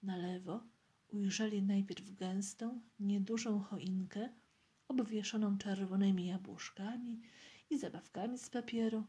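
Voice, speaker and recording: Woman reader, audiobook reading of a novel, slow, breathy, mellow, half-whispered storytelling. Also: mid-range voice.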